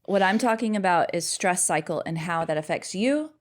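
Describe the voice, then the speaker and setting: A middle-aged woman with a somewhat low voice co-hosting a podcast. She chats casually with her husband, wanders into rambling asides and laughs easily. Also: lively intonation, moderate pace. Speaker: podcast co-host.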